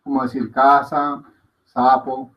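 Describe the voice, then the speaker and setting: A man's voice: medium pitch, level tone, slow pace, a bit bright, low-quality recording. A man teaching a language class in a patient way. He repeats sounds aloud and often checks that his students are following. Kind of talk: classroom lesson.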